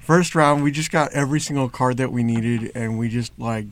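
A man's voice: medium pitch, normal speed, dry recording. A man chatting casually as a podcast guest, laid-back and full of fillers. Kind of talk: casual chat.

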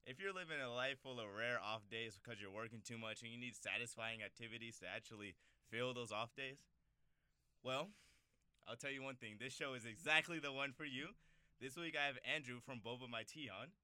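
A man's voice: mid-range voice, a little fast, sharp tone, clear, resonant tone, no echo. A man hosting a casual interview show, chatty and loose, often hunting for the right word. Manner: loose, chatty, searches for words. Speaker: show host.

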